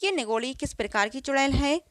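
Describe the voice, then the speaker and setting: A woman's voice: sits high, lively intonation, fairly quick, no room sound, clean studio sound. A woman reading gossiping village women. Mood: alarmed.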